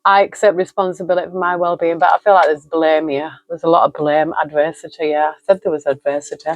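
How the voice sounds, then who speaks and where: A woman's voice: sits low, little pitch movement, fast, muffled recording. A woman giving a spoken tarot card reading, reflective and emotional, listing card meanings aloud. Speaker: tarot reader.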